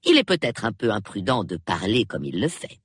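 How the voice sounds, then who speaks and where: A woman reading an audiobook, voicing a gentle, shrewd elderly lady who speaks softly and observantly. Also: rumbling low, sing-song, fairly quick, husky, no echo, clean studio sound, heavily acted. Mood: quietly shrewd.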